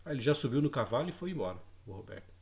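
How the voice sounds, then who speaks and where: A man's voice: mid-range voice, sing-song, rapid-fire, gravelly. A man telling a personal story in a casual spoken way, hesitant, repeating words and often adding tag questions. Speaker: channel host.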